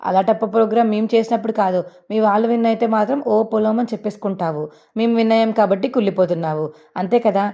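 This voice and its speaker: A woman's voice: medium pitch, steady tone, racing, gravelly, warm tone, natural voice. A woman voicing a blunt young husband who mocks his mother. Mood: mocking. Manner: mocking, blunt.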